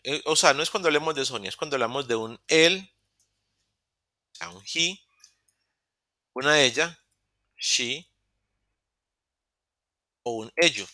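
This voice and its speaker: A male English teacher with a Latin American Spanish accent leads an online beginner class through a computer mic in a virtual session. His medium-pitched voice is very bright and forward, dry and close with no echo, and he speaks a little slowly with frequent pauses. Patient and step-by-step, he often self-corrects and restarts mid-word.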